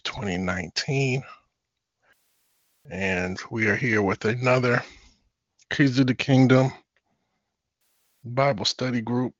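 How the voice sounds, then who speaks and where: A man leading a live Bible study, short of breath, speaking in a halting, deliberate way with frequent throat clearing. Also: a bit bright, no echo. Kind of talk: religious teaching on a live call-in. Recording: muffled, dull low-fidelity audio.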